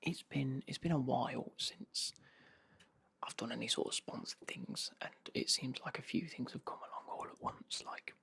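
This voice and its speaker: Guy whispering an asmr unboxing, kinda creaky, rambles and corrects himself. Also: mid-range voice, normal speed, a bit bright. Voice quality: breathy whisper with creaky edges. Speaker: unboxing video host.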